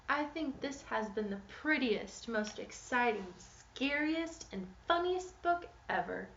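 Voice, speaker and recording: A teacher reads a picture book aloud to children, her middle-pitched voice expressive as she tells the story and asks the young listeners questions they can answer. The mic is distant, and the echoey room leaves the sound muffled and dull, with noticeable background noise.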